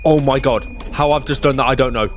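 A man's voice: medium pitch, fairly even intonation, a little fast, slight background noise. A young man commentating on a horror game, sarcastically chatting to the enemies as he plays. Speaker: gameplay streamer.

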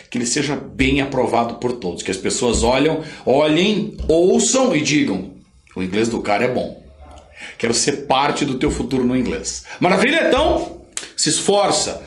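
A man's voice: medium pitch, reverberant. A man with a Brazilian Portuguese accent teaching an online English lesson. He talks emphatically, drills phrases by repetition and pushes learners to work hard.

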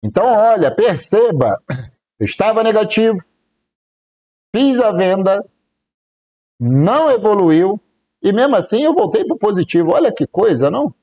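Relaxed Brazilian man trading live. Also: sits high, normal speed, pauses often. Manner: casual, joking, counts aloud softly while waiting. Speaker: day trader streaming live. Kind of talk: live trading stream chat.

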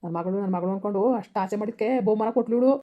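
A woman's voice: medium pitch, very fast, natural voice. A woman playing a furious cursing village father. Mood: raging. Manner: shouting, abusive, bitter. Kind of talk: village family drama acting. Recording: dull lo-fi recording.

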